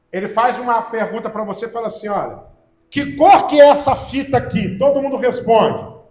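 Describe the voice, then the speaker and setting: A man with a Brazilian accent preaching a sermon, telling stories and acting out the voices in them with growing emphasis. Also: high-pitched. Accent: Brazilian Portuguese. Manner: storytelling, acts out quoted voices with rising emphasis. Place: church hall. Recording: echoey church hall.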